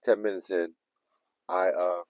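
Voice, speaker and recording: A man's voice: sits low, measured pace, no echo, rough recording. A man telling a story casually on a livestream, swearing often and acting out his own panicked self-talk. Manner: animated, profane, retelling with quoted self-talk. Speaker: livestream vlogger.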